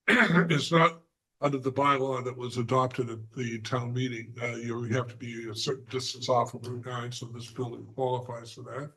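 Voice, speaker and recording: A man presenting a plan at a zoning hearing, hoarse and halting, with many fillers and frequent throat clearing. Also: mid-range voice, level tone, sharp tone, a little hiss or hum, low-quality recording. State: hoarse, losing his voice. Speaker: applicant's representative. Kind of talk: presenting at a remote board hearing.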